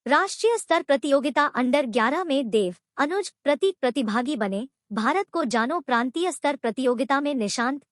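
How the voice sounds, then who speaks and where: Female news narrator, formal scripted read, high voice, dry close sound. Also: dry recording. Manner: formal, reading out long lists of names. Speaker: voice-over narrator.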